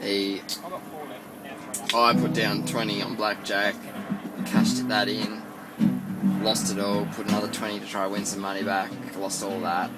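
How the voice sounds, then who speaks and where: A man recounting the trip in a flat, matter-of-fact way. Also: on the low side, measured pace, pauses often. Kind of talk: casual recap talk. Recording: distant mic over loud guitar music.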